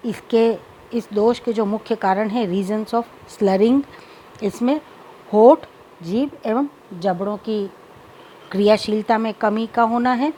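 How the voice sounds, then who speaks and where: Higher-pitched woman giving a lecture. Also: slow pace, warm tone, slight background noise, low-quality recording. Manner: explanatory, mixes in English terms. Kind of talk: recorded lecture.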